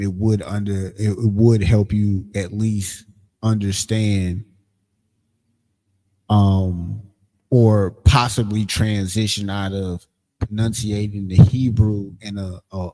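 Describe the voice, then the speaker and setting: A man teaching a livestreamed language class, explaining in a casual, halting way with frequent pauses and ums. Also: lowish voice, warm tone. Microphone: streaming setup, screen sharing.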